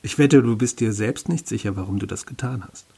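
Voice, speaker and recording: A man voicing an ancient, winged, three-headed beast that speaks in a dry, mocking, unhurried way, with a husky voice. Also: lowish voice, warm tone. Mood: musing.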